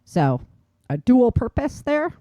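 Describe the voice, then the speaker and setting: The podcast host speaks in a fairly high, sing-song, mellow voice at a slow pace, with no echo. She chats informally and emphatically about practical survival tips on her talk show and laughs readily.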